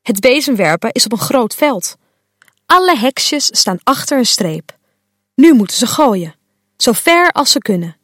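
A woman reading a children's story aloud, with an expressive and playful storybook delivery. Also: a little high, measured pace, dry recording, clean studio sound.

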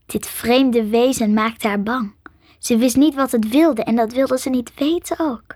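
A woman reading a chapter book aloud as narrator, slow and careful. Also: fairly high pitch, darkish tone, dry recording, clean studio sound. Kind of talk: storybook reading.

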